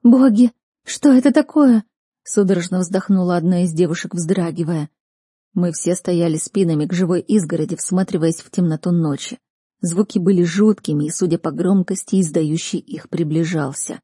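A woman giving a tense, measured scripted narration of an audiobook. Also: fairly low pitch, steady tone, warm tone, slightly rough, dry recording, studio quality.

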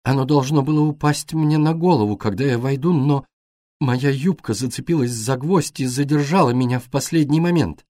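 A man's voice: medium pitch, moderate pace, warm tone, dry recording, clean studio sound, pitched above the performer's own voice, close to an everyday voice. A man reading and voicing a frightened, emotional young foreign woman in an audiobook, speaking in a pleading, breathless way. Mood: shaken.

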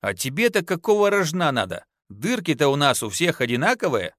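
A man's voice: fairly high pitch, sing-song, fairly quick, a bit bright, no echo, clean studio sound, voice pushed up. A man voicing an earthy, teasing young peasant wife in an audiobook, with folksy, scolding speech. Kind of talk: audiobook narration.

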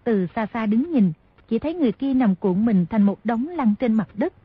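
A woman narrating a martial-arts novel as an audiobook, telling the story at a steady pace. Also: on the high side, normal speed, husky, no room sound. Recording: dry, dull lo-fi audio.

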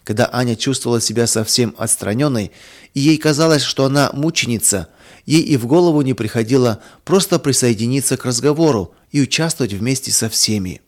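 A man reading a children's story aloud in a calm, even storytelling manner. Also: medium pitch, fairly quick. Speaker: reader of children's stories. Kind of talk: scripted storybook narration.

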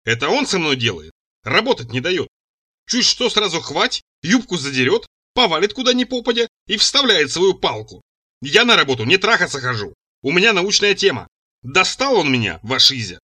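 A man's voice: a little high, big pitch swings, moderate pace, sharp tone, dry recording, clean studio sound, heavily acted. A man reading as a blunt, fierce young woman scientist. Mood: indignant. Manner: indignant, blunt retorts. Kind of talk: audiobook reading.

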